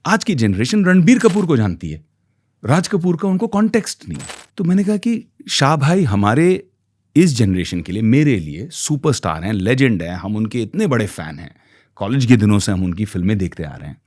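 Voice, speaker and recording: A man's voice: medium pitch, very animated, normal speed, a little mellow. A middle-aged man with an Indian accent, a podcast guest who talks expressively and switches between Hindi and English. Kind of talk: podcast conversation.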